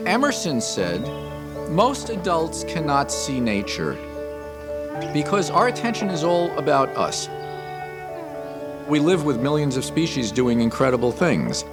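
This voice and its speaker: A man's voice: fairly high pitch, sing-song, measured pace, pauses often, loud music behind the voice. A man giving reflective commentary in a documentary interview.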